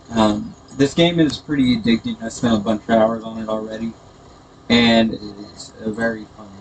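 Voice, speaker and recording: A man giving casual, hesitant, rambling gameplay commentary, sounding tinny and echoey through a built-in computer microphone. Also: lowish voice. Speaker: gaming video host. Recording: tinny echoey computer mic, background noise.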